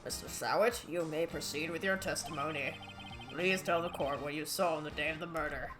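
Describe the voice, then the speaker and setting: A woman's voice: sits low, fairly quick, over music, voice pushed down, natural voice. A woman voicing a stern male judge in a courtroom video game, formal and commanding. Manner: formal, authoritative.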